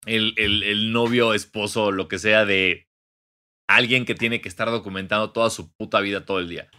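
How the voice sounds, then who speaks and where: A young Mexican man co-hosting a podcast, joking in a playful way, often stammering and restarting, and sometimes dropping to a low mutter. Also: fairly even intonation, moderate pace, pushed and bright, clean tone. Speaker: podcast co-host. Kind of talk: casual comedic chat.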